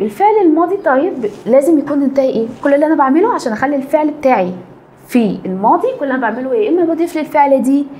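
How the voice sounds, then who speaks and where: Egyptian woman teaching, slow and patient. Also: fairly high pitch, a little mellow, slight background noise. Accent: Egyptian Arabic. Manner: patient, repeats key words slowly. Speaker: English teacher. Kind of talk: explaining a grammar lesson.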